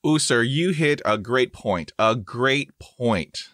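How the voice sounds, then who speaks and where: A forties-aged man hosts a podcast, chatting casually and emphatically in an interview style. His medium-pitched voice is animated and fairly bright, moving at a slow pace, captured in studio quality with no room sound. He stutters, repeating sounds and using fillers, while sounding emphatic and self-affirming.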